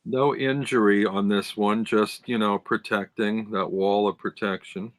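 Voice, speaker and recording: A man's voice: lowish voice, fairly even intonation, measured pace, dry recording. A man co-hosting a casual live-stream chat, talking enthusiastically and describing details over a video call. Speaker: tarot deck reviewer, co-host.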